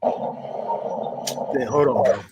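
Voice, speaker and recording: A man's voice: mid-range voice, drawn-out words, very noisy. A laid-back man joining a live stream over a remote call, his voice echoing back over the line. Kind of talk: casual chat. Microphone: remote call audio.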